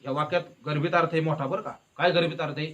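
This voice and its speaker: A man's voice: a little high, fast talker, lo-fi sound. A man giving a devotional discourse as a kirtan preacher, telling stories and asking questions that he answers himself. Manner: lively, asks questions and answers them himself.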